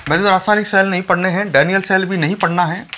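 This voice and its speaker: A man's voice: high voice, steady tone, quick pace, bright, forceful tone, a little hiss or hum. A male chemistry teacher lecturing students, repeating each point and speaking to them directly. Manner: repetitive, instructive, addresses students directly. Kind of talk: classroom lecture.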